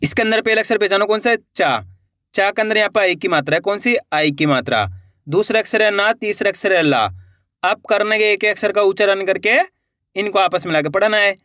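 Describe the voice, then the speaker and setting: A man's voice: high-pitched, fairly quick, bright, forceful tone, no room sound, clean studio sound. A man teaching beginners to read, patiently sounding out each syllable before blending it into a whole word and giving the viewers instructions. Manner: addresses viewers as friends, gives instructions. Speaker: Hindi reading teacher. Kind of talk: slow syllable-by-syllable reading lesson.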